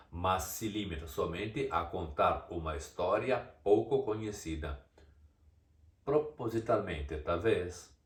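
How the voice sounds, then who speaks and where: A man reading a scripted video essay, explaining step by step and asking mocking rhetorical questions. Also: low voice. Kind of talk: scripted narration. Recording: echoey room, distant mic.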